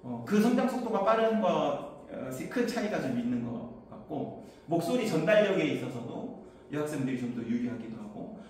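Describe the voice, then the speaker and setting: A man's voice: very animated, normal speed. Echoey man lecturing from afar. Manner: chatty, anecdotal, raises pitch to project. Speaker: academy instructor presenting to parents. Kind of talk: info session lecture. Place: lecture room. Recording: distant mic, very echoey hall.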